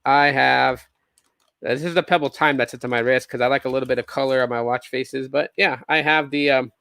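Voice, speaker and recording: Bright, rambling tech podcast guy. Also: mid-range voice, brisk, vocal fry, clean tone, dry recording. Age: 30s. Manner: rambling, animated, sarcastic asides with many restarts. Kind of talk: casual solo tech chat.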